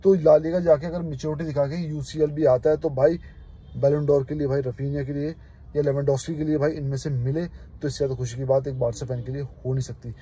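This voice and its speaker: A man's voice: fairly high pitch, steady tone, a little fast, mellow, slightly rough. A young man from India, a football fan channel host, giving his opinions in an emphatic, passionate casual vlog. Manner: passionate, emphatic, keeps saying "brother".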